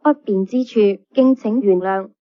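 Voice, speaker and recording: A woman reading calm, formal bus announcements played over a PA system. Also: medium pitch, a little slow, dry recording. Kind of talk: scripted public announcement. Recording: dull lo-fi PA playback.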